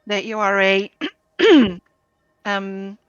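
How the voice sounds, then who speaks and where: A woman guild trainer explaining a game build over group voice chat, steady and explanatory with frequent ums. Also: mid-range voice, very slow, clean tone, no room sound. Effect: group voice chat audio. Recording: dull lo-fi voice chat mic.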